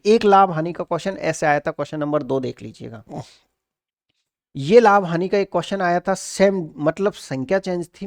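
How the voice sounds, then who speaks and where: High-voiced man teaching exam maths. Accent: Hindi from Rajasthan. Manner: asks and answers his own questions, addressing students as sir; step-by-step explaining of calculations. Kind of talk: exam-prep maths lesson.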